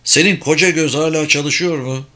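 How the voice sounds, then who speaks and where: A man's voice: fairly high pitch, fairly even intonation, normal speed, pushed and bright, pitched above the performer's own voice. A man voicing a tough male agent who speaks in a blunt, commanding way in an audiobook. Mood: urgent.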